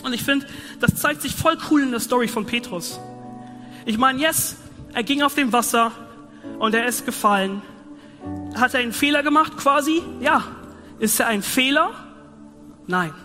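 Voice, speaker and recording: A man's voice: very high voice, moderate pace, long pauses, sharp tone. A man preaching a sermon in a casual, youthful way, mixing in English slang. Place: church hall. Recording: reverberant hall with music behind. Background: music.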